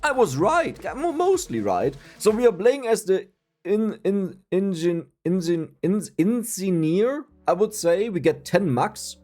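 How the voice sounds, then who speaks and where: With soft background music playing, a young man from Germany comments on a video game for his YouTube channel in a German accent, chatty, self-mocking, and quick to laugh. He speaks in a high, sing-song voice with a darkish tone, unhurried.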